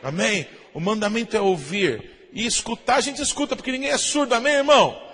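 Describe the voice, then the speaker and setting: A Brazilian pastor preaching a sermon, often asking the congregation "amém?" and imitating shofar blasts. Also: male voice, high voice, a little fast, a bit bright, big-room sound. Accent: Brazilian Portuguese.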